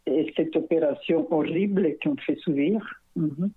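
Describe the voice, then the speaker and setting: Heard over a tinny, very noisy phone line, a middle-aged singer-songwriter speaks French with a foreign accent as a radio guest. Her low voice is a little slow, and she rambles casually with lots of hesitation.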